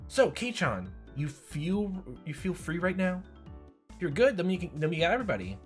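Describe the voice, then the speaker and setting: A man's voice: high voice, big pitch swings, normal speed, soft background music, voice pushed up. A man voicing a boisterous teenage girl who leads a game club and bosses her friends around. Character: bossy, loud teenage girl club leader.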